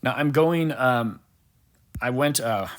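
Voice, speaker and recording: A man's voice: mid-range voice, slow pace. A man commentating over a replay of his own gameplay as a coach, talking casually and animatedly, with lots of fillers and repeated words. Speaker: gaming coach.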